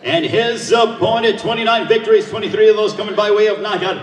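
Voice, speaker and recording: Male fight announcer, high-pitched showman delivery with stretched-out names, heard from off-mic in a big echoey hall. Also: fairly even intonation, fast talker, distant mic, a little hiss or hum. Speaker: boxing weigh-in ring announcer. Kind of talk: live sports announcing. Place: large echoing event hall.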